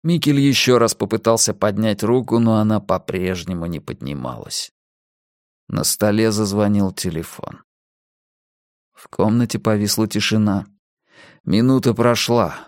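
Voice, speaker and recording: A man's voice: on the low side, measured pace, no echo, studio quality. A man narrating an audiobook in a tense, urgent storytelling manner. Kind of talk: audiobook reading.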